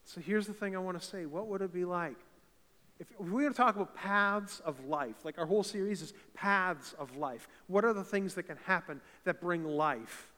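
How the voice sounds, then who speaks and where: A fervent male pastor from eastern Canada delivers a sermon at normal speed, his big, slightly high voice ringing through a reverberant church sanctuary. He moves from conversational talk up to loud, emphatic peaks.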